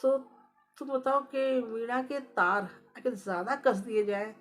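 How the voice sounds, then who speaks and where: Buddha, a calm gentle sage, told by a woman. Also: a little high, takes it slowly. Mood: calm kindly.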